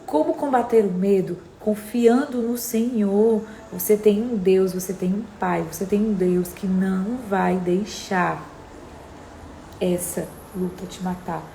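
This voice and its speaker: A woman's voice: medium pitch, unhurried, vocal fry, mellow. A woman preaching a morning devotional, emphatic and repeating her exhortations to the listener, recorded in an echoey room. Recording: echoey room, faint background noise.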